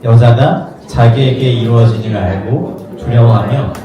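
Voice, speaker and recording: A man's voice: medium pitch, normal speed, lo-fi sound, a crowd in the background. A man preaching a sermon as pastor, in a conversational way, often acting out the voices of people in the story. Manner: conversational, acts out quoted voices. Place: rented studio space used for worship. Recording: echoey room, mic at a distance, faint noise.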